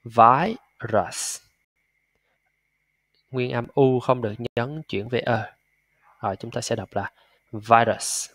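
A man's voice: medium pitch, steady tone, no echo. Man drilling pronunciation in a dry room. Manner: patient, repeats sounds slowly and drills them aloud. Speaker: English pronunciation teacher. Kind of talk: pronunciation lesson.

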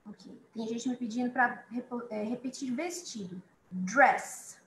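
A woman teaching a beginners' online English lesson, chatty, repeating each word slowly for her students. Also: a little high, steady tone, reverberant, a little hiss or hum, rough recording.

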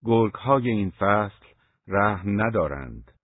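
Freezing, uneasy man asking questions, a male narrator doing him, husky low voice, thin phone-like sound. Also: expressive, dry recording. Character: cold, shivering man traveling in snow, uneasy. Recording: dry, phone-like narrow sound.

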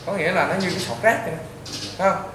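Very fast and high-voiced, a male priest and healer with a Southern Vietnamese accent counsels a patient informally, speaking bluntly and repetitively as if to his own child in a lecturing way. The recording is echoey and distant, with loud background noise.

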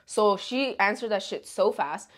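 A young woman tells a personal story to the camera in an animated, conversational way. Her speech is casual and peppered with profanity. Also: mid-range voice, measured pace. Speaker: vlogger. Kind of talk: casual storytime while eating.

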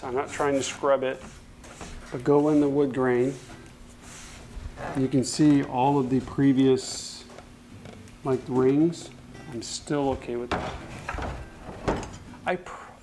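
In a workshop indoors, a man stains furniture at a paint-spattered table, brushing and wiping as he gives loose how-to narration, wandering off topic and revising his sentences partway through. His mid-range voice has a darkish tone. The lapel-mic recording has background music under the speech.

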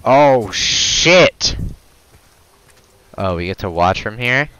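A man playing a video game and commenting, rambling, swearing often and bursting into loud excited outbursts, close to his microphone. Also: medium pitch, very slow, clear, resonant tone, low-quality recording. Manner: rambling, stumbling over words. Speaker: gamer. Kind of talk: let's play commentary. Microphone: close desk mic.

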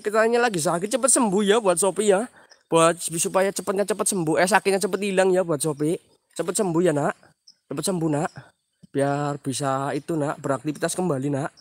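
A man's voice: fairly high pitch, dry recording. Man hosting night stream. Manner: chatty, reads viewer names, mixes Javanese slang, sudden exclamations. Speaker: live-stream host. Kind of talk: live paranormal stream chat.

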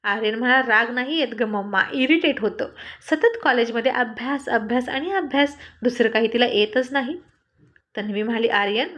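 Reading a family love story, a woman handles all the characters' dialogue on her own, keeping things light and conversational. Her voice is a little high with a fairly bright tone.

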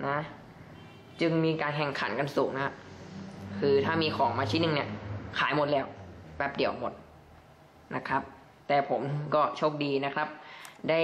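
A man's voice: a little high, fairly bright tone, highs cut off. A young man chatting casually through a toy review and padding his sentences with polite particles. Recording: echoey room, faint background noise.

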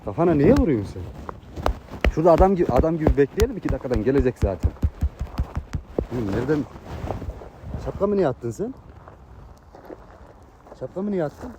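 A man caught in a street prank, scolding and trying to calm a stranger, audibly exasperated. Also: a little high, a little fast, pauses often, noisy background. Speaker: prank target. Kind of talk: casual street talk. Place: outdoors on a street.

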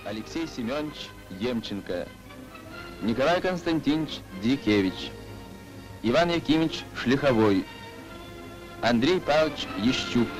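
A man's voice: medium pitch, low-quality recording. Male announcer on an old newsreel. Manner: formal, measured reading of full names. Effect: old wartime newsreel soundtrack.

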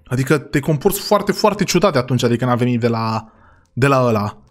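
A man hosting a gaming channel who narrates his role-play game straight to viewers in an excitable, exclaiming way. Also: medium pitch.

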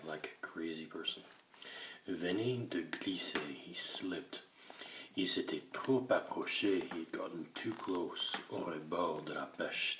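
A deep-voiced man reads a story slowly, stopping to translate each phrase and explain words. His voice echoes in the room over a steady bed of noise, with clicks now and then. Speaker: teacher reading a French story. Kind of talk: bilingual story reading lesson.

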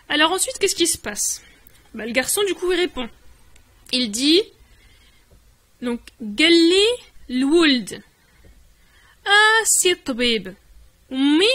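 Bright high-voiced woman teaching patiently. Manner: patient, repeats and glosses each word. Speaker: online language teacher. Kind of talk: explaining a dialogue step by step.

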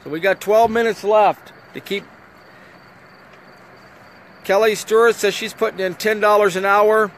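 A man with a notably high voice hosts a casual livestream fundraiser. He reads donor names and amounts aloud and thanks each person in turn. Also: fairly even intonation, a little slow, pauses often, fairly bright tone, slight background noise. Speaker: livestream host reading donations. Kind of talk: casual outdoor livestream chat.

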